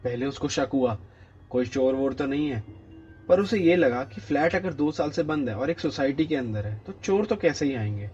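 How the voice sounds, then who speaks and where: A man narrating a horror story in a suspenseful way, dropping low on tense moments. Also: a little mellow. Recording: dull lo-fi with faint music.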